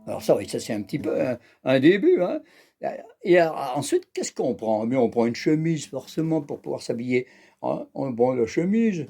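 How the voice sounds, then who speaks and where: At normal speed, a very animated man with a medium-pitched voice that is creaky, dark and slightly rough talks to camera on his accordion channel while playing guitar. He chats in a bawdy, joking, teasing way, peppering his talk with "hein" and "incroyable."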